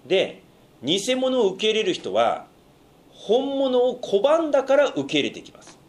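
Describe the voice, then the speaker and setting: A man's voice: sits high, wildly swooping pitch, unhurried. A pastor teaching a Bible study, explaining step by step with hesitant fillers and questions put to his listeners.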